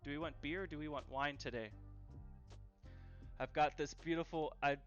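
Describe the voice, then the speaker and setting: Soft music plays under a man's fairly high, steady voice as he hosts a relaxed live cooking stream at home, speaking at a normal speed. He's easygoing and repeats phrases for emphasis, and the stream audio comes across dull and lo-fi.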